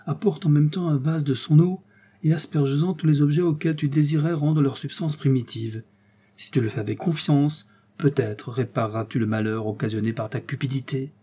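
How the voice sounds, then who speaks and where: A man voicing a mysterious supernatural stranger who questions gently and evenly, with a husky, dark voice. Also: fairly high pitch, fairly even intonation, normal speed. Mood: probing. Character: mysterious smiling stranger, supernatural, calm and knowing.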